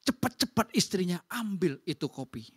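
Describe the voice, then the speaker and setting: A woman pastor preaching a sermon in a church, talking in a lively, conversational way straight to the congregation. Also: fairly low pitch, normal speed, husky.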